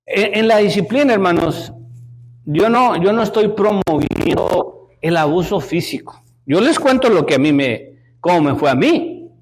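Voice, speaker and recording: Brief: middle-aged Mexican male Sunday school teacher, high voice, animated and questioning. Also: measured pace. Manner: animated, repeats words, asks the class questions. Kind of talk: Sunday school lesson, preaching.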